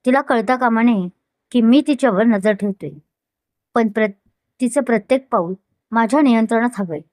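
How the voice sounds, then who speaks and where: A woman's voice: on the high side, normal speed, a little mellow, no room sound, lightly acted. Possessive young man, as a woman reads him. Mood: cold, controlling. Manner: commanding, intense. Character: possessive, hot-tempered young man, the male lead.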